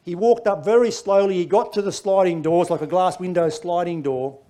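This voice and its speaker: A middle-aged Australian man preaching, telling a personal story with lively, laughing delivery. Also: sits high, normal speed. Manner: animated storytelling, laughing through lines. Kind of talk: sermon testimony.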